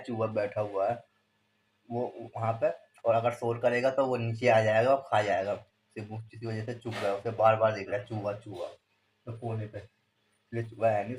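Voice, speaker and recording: A man's voice: on the low side, darkish tone. A man is casually vlogging at home. He is chatting playfully and chuckling with his toddler. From Uttarakhand, India. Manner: playful, chuckling, sing-song teasing with a small child. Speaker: family vlogger. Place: family home, indoors. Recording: noisy home phone recording.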